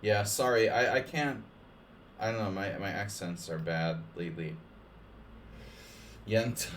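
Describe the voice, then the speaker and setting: During a live stream, a man plays chess against viewers and rambles casually between games, full of "like," restarts and joking asides. His voice is on the low side, unhurried and fairly bright, with slight background noise.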